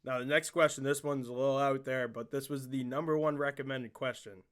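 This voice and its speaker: A man hosting a casual interview podcast, excitable and joking, swearing often as he asks questions. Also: medium pitch, a little fast.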